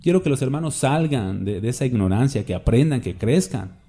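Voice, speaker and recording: A man's voice: medium pitch, lively intonation, a little fast, warm tone. A man preaching a sermon in a conversational way, often asking the listeners questions and acting out quoted voices. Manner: acts out quoted voices for examples.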